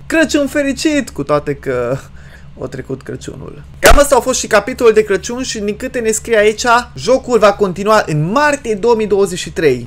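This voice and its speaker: A man giving jokey let's-play commentary on a horror game, excitable and given to sudden loud yelps. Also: high-pitched, a little hiss or hum. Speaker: gaming YouTuber.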